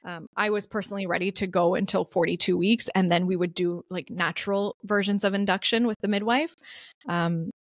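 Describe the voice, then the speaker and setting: A young woman in a relaxed interview chat tells her story with plenty of laughs, mimicking the people she quotes. Her voice sits at an ordinary middle pitch. The recording is close and dry, with no room sound. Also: fairly quick, no room sound. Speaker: guest mother telling her birth story.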